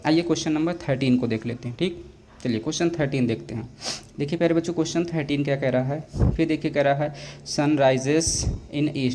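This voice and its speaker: Mellow-voiced man teaching grammar. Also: mid-range voice, a little hiss or hum. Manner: repeats questions to students, drawn-out words. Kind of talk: classroom grammar lesson.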